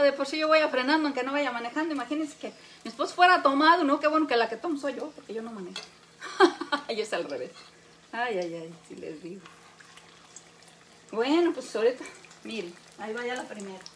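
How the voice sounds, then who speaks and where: A woman's voice: sits high, a little fast, fairly bright tone, slight background noise. A Mexican woman chatting and joking with viewers while she cooks, laughing often and talking into a phone held close in her home kitchen. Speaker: cooking livestream host. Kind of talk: casual chat while cooking. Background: faint frying and sizzling.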